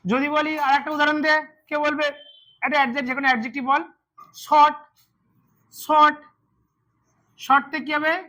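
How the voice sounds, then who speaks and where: A man's voice: extremely high pitch, flat delivery, moderate pace, long pauses, pushed and bright. A man teaching English grammar to a class, repeating words and quizzing his students as he goes. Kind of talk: classroom lesson.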